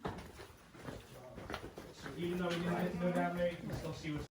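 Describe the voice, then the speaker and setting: A man's voice: high-pitched, completely flat delivery, brisk. A man working as a tour guide, casually explaining things to a group inside a cave. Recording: echoey cave, distant mic, background noise.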